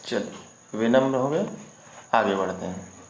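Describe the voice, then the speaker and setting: A man's voice: on the low side, expressive, measured pace. A man teaching vocabulary in an online lesson, repeating each word and often asking if students follow. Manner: repeats words and keeps asking "ठीक है ना?". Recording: echoey room with faint noise.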